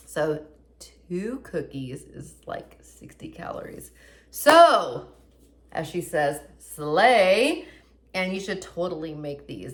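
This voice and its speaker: A woman hosting a casual cooking demonstration in a home kitchen, chatty and upbeat as she talks viewers through each step. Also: deep voice. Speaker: cooking show host.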